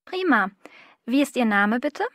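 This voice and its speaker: A woman's voice: a little high, animated, measured pace, a bit bright, no room sound, studio quality. A woman playing a polite, helpful restaurant employee in a language-course dialogue.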